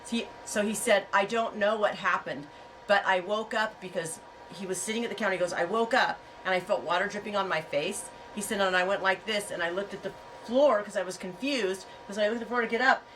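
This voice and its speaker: On her farm vlog about yarn and fiber, a woman with a stuffy head cold rambles through casual stories for her viewers at home, laughing often. She talks fairly quickly in a mid-range, fairly bright voice; the low-quality recording is distant, with slight background noise.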